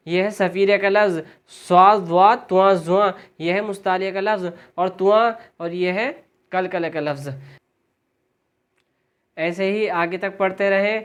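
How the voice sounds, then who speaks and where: A Quran reading teacher giving a step-by-step lesson, explaining each letter's rule plainly and then repeating the sounds slowly for the learner. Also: medium pitch, clear, resonant tone. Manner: explains letter rules plainly, then drills them aloud.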